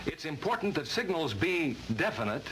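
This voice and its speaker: A noisy vintage film soundtrack carries an American man narrating in 1950s instructional style. His voice is bright and forceful, with lively, swinging intonation. He reads formally and emphatically, like a scripted training lesson. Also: a little high, normal speed.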